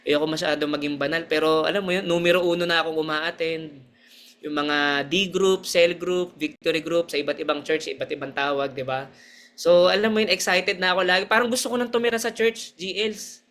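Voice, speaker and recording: Bright high-voiced young man giving testimony. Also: fairly even intonation, a little fast. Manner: earnest, chatty, mixing Tagalog and English, laughs often. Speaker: church member sharing testimony. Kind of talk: personal testimony.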